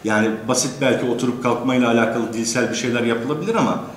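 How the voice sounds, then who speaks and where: A man giving a courteous academic lecture, pausing often with drawn-out fillers and addressing the teachers in his audience. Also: medium pitch. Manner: hesitant, many drawn-out fillers. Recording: echoey lecture room.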